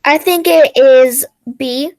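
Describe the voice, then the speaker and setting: A woman's voice: high voice, slow, darkish tone. A student answering her teacher in short replies over a video call.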